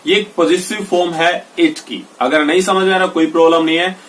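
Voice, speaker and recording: A male teacher giving a spoken grammar lesson, slowly reading out English example sentences one by one. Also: on the high side, steady tone, fairly bright tone, recorded from a distance. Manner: explains slowly, reads English examples out deliberately. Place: indoors with rain heard outside. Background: rain.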